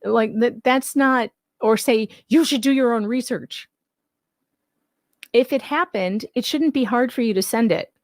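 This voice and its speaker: A livestream commentator and video host with a voice on the high side speaks unhurriedly as she casually covers a legal case live. She reads out claims and argues against them skeptically, repeating points for emphasis, in a clean studio recording with no echo.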